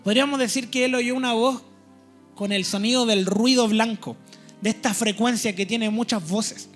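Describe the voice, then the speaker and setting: A man's voice: very high voice, steady tone, normal speed, faint music behind. A man preaching a teaching sermon in a church. He explains step by step and keeps checking in with his listeners.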